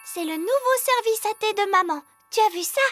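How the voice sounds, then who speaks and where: A woman voicing an eager young fairy princess girl, bossy but anxious, in a French children's cartoon, with a childlike, expressive voice. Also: very high voice, a little fast. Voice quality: childlike, girlish. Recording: children's music behind the voice.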